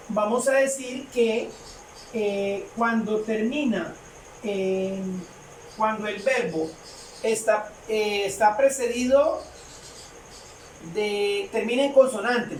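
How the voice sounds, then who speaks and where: A woman explaining a grammar rule to a class, halting often with fillers and repeating her phrases. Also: a little high. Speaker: English teacher. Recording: echoey room, distant mic, faint noise.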